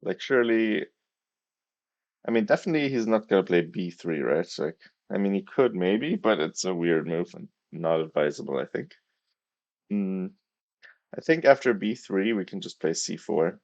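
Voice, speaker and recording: A low, gravelly male voice, tired and hesitant, talks awkwardly around a swollen, sore tongue. He gives quiet, casual commentary as a chess streamer. The sound is dull. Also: dry recording.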